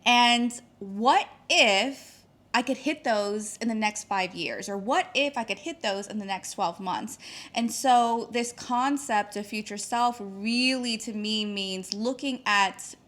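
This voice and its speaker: A woman guest on a podcast, talking casually in an emphatic, fast way and laughing often. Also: on the high side, fairly bright tone. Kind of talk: casual interview chat. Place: outdoor retreat location.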